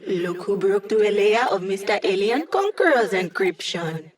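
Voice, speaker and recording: With an animated, lightly acted medium-pitched voice, an actress plays a young female hacker in a support role in a video game. The character teases her team with quick, wry, sly one-liners.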